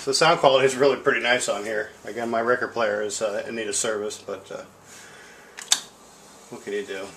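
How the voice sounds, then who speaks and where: A middle-aged man selling a tape deck demonstrates it at home, rambling unscripted and poking fun at himself. His fairly low, creaky voice moves briskly with fairly even intonation. The rough recording picks up music from the record and tape playback.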